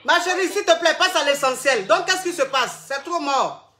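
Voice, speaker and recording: A woman's voice: sits high, animated, normal speed, sharp tone. A woman hosting a live call-in advice show, talking bluntly and repeating herself, calling listeners by pet names. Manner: blunt, repetitive, affectionate terms.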